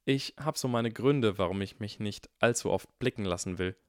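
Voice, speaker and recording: A man's voice: on the low side, moderate pace, no room sound, clean studio sound, close to an everyday voice. A man voicing a clever, cheeky young schoolboy with a wry, theatrical way of talking in a storybook reading.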